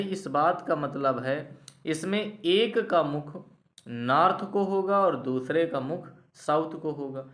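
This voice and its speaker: A man's voice: a little high, a bit bright, reverberant. A man teaching reasoning problems in a step-by-step classroom lecture, often checking whether the students follow. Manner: explains step by step, asks "clear?" to check understanding.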